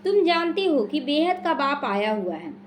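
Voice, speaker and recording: With a high, sing-song voice at a moderate pace, an Indian spiritual teacher explains the daily murli to a devotional class in a small prayer hall. She expounds on scripture and poses questions she then answers herself, over slight background noise.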